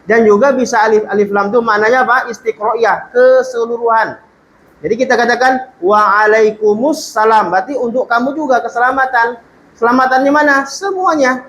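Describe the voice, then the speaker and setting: A man teaching an Arabic lesson to a class. He reads Arabic slowly aloud, explains it, and puts questions to his students. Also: very high voice, fairly bright tone, a little hiss or hum, poor audio.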